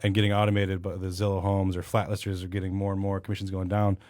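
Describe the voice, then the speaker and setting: A man co-hosting a casual podcast, blunt and quick, swearing freely. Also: sits low, flat delivery, darkish tone, no room sound.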